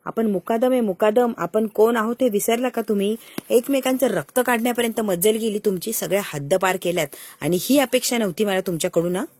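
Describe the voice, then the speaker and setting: A woman's voice: medium pitch, brisk, darkish tone, slightly rough, close to an everyday voice. A woman doing a stern old grandmother. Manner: scolding, commanding.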